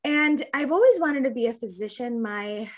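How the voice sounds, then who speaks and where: A bubbly, effusive woman from the Chicago area tells her story as a podcast guest. Her voice sits a touch higher than most, and she gushes and piles up likes as she goes. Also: expressive, moderate pace, faint music behind. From Chicago area, United States. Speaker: guest, family physician. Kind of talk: podcast interview.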